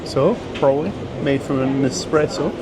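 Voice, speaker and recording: A man hosts a restaurant review vlog, chatting casually at the table and teasing his friends with joking banter. His voice is medium-pitched at a moderate pace, and loud street noise fills the background.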